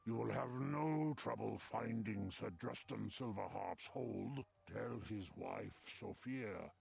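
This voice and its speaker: An actor voicing an ancient, slow-speaking male tree spirit in a video game, with a raspy, gravelly, solemn and formal delivery. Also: on the low side, a little mellow, heavily acted. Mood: gracious.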